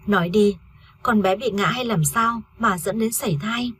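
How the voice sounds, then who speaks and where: A woman's voice: medium pitch, normal speed, fairly bright tone, a little hiss or hum, close to an everyday voice. A woman reading a story aloud, voicing a worried older mother-in-law who presses for answers bluntly. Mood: urgent.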